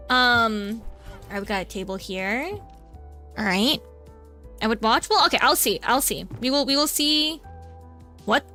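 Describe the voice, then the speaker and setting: With a high, pushed, bright voice, a woman VTuber keeps up casual, flustered chatter while gaming. She tacks a cutesy "nya" onto what she says.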